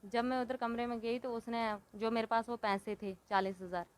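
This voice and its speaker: A woman's voice: fairly high pitch, little pitch movement, moderate pace. A woman in her thirties giving an interview, retelling her own story in a plain, rambling way and quoting what others said. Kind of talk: recounting personal story.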